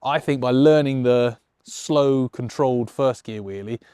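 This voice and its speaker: Male presenter, encouraging tutorial delivery, mid pitch, dry close sound. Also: unhurried, mellow, clear, resonant tone, no echo. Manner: enthusiastic, encouraging and conversational. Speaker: motorcycle riding instructor and show presenter. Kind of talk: explanatory tutorial.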